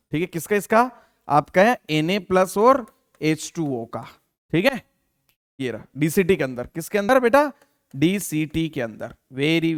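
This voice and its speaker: A man with a fairly high voice teaches a biology exam-prep lesson. He keeps firing questions at his students and answering them himself, calling them dear and leaning on fillers. The sound is close and dry, with no room echo. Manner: calls listeners beta, many fillers like theek hai. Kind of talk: Hindi exam-prep lecture.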